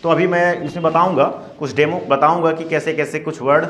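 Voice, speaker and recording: A man's voice: fairly high pitch, fairly even intonation, a little fast, a bit bright, slight background noise. A male English teacher giving a classroom spelling lesson, asking questions and answering them himself while drilling words syllable by syllable.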